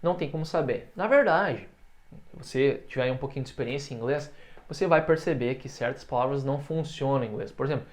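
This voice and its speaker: A Brazilian man teaching English comparatives, switching between explanations and slow, careful example phrases for his students to repeat. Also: mid-range voice. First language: Portuguese. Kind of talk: online language lesson.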